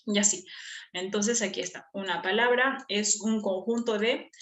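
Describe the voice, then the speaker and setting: A woman's voice: mid-range voice, fairly even intonation, moderate pace, fairly bright tone. A woman teacher explaining a lesson patiently, repeating key terms and checking that students follow. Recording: echoey room.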